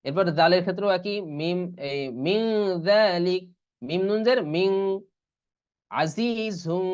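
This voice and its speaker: A man teaching Quran recitation rules in an online class, spelling out letters and vowel marks one by one and chanting the examples slowly. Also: high voice. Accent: Bangladeshi Bengali. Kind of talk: online tajweed lesson. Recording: dull lo-fi online class audio.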